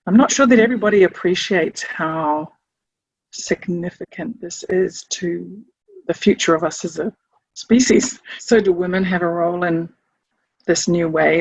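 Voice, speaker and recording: A middle-aged woman from Samoa, a chief executive, speaking reflectively to camera and often pausing to search for words. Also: lowish voice, vocal fry, breathy edge, dry recording, low-quality recording. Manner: thoughtful, searching, with restarts. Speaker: chief executive of a leadership organisation.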